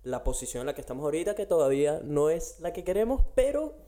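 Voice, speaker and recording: A man's voice: fairly high pitch, big pitch swings, fast talker, mellow. A Latin American man, co-hosting a casual podcast and laying out its topics. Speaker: podcast co-host. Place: Australia.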